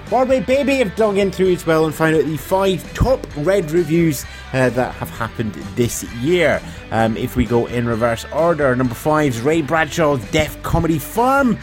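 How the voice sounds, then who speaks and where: A Scottish man hosting a festival podcast, bantering with guests and reading a review roundup in a studio. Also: medium pitch. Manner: animated, quick to laugh and banter. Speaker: podcast host.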